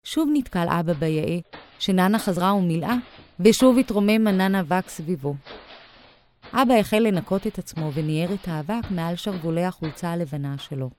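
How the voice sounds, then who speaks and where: A woman narrating a children's storybook in a lively, expressive reading. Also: lowish voice, a little hiss or hum.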